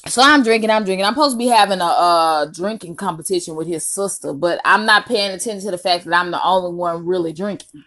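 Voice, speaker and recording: A young adult woman with a Southern US accent tells a personal story casually to viewers, slangy and animated, with drawn-out emphasis and asides. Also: lowish voice. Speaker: storytime vlogger.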